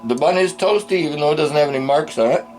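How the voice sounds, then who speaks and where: A man's voice: a little high, quick pace, a little mellow, soft background music. A man giving a casual, unscripted food review in blunt, crude, rambling, drunken-sounding talk, swearing constantly.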